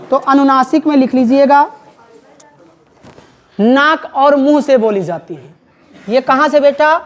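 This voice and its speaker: High-pitched woman teacher quizzing a class. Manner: quizzing students, call-and-response, repetitive. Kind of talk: classroom Hindi grammar lecture. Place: classroom with students.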